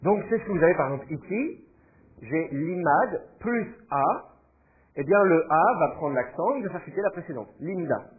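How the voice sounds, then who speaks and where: A man's voice: on the high side, animated, normal speed, narrow, tinny audio. A man teaching a class, explaining patiently and thinking aloud with fillers as he goes. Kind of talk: classroom lecture.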